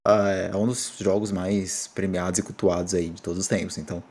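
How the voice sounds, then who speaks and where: A man co-hosting a podcast in casual chat, relaxed and quick to laugh. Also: sits low. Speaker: podcast co-host.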